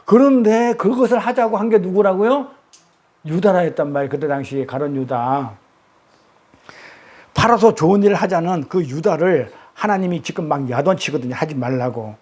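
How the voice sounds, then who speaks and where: A man's voice: on the high side, moderate pace, darkish tone. A male pastor preaching a sermon who keeps putting questions to the congregation and acts out the lines he quotes.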